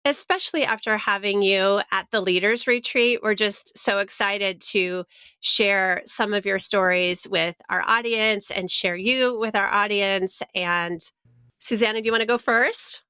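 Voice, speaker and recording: A woman podcast host with a bright, crisp voice, effusive in her welcomes. Her sound is dry and close. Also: medium pitch, unhurried, no echo. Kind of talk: conversational interview.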